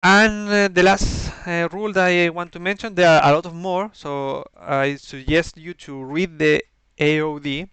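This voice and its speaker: A man with a non-native English accent giving an explanatory game briefing in a halting, methodical way, searching for words. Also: a little high, fairly even intonation, fairly bright tone, clear, resonant tone, no room sound. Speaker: organizer briefing players on campaign rules.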